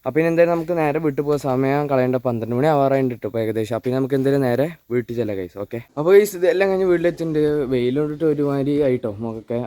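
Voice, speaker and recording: A young man speaks very rapidly in a Thrissur Malayalam accent at an average male pitch. He drops English words into his Malayalam as he talks casually to his viewers. It has the informal delivery of a day-in-the-life vlog, recorded without an external microphone. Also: mellow. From Kerala, India. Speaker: vlogger. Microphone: handheld camera or phone without external mic.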